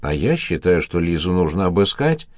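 A man's voice: deep voice, very animated, moderate pace, a little mellow, no room sound, studio quality. A man voicing a suspicious, jealous wife who speaks assertively and accusingly.

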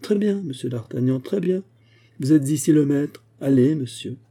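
A man's voice: fairly high pitch, lively intonation, moderate pace, vocal fry, warm tone, voice pushed up. A man reading as a proud, weary male superintendent, cold and dignified in defeat, in an audiobook. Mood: ironic.

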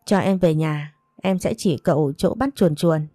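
A woman's voice: sits low, a little slow, warm tone, no room sound, studio quality, soft background music. A woman voicing a mentally unwell young wife who talks simply, like a child, in a storybook reading. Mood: childlike.

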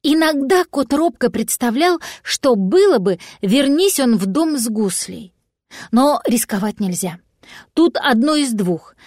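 A woman narrating a children's storybook aloud with gentle expressive telling. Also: sits high, unhurried, hardly any pauses, dry recording, clean studio sound. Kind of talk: audiobook storytelling.

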